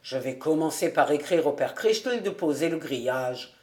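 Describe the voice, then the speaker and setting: A reader doing a quiet young bachelor. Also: mid-range voice, lively intonation, normal speed, pitched below the performer's own voice, close to an everyday voice. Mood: calm. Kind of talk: audiobook character reading.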